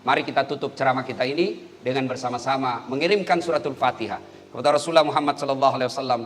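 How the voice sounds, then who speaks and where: A man preaching a humorous sermon with an Indonesian accent, swinging between loud, high exclamations and low, murmured prayers. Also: rapid-fire, a little hiss or hum.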